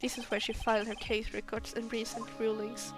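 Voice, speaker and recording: A woman's voice: fairly high pitch, little pitch movement, fairly quick, music in the background. A woman streamer reading game narration aloud, laughing often between lines. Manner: laughs often, reads unhurriedly.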